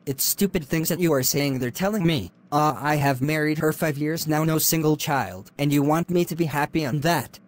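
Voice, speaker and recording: Brief: a man playing a domineering young husband, higher voice, scornful and insulting. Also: normal speed, hardly any pauses, natural voice. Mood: angry. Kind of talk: animated drama voice acting.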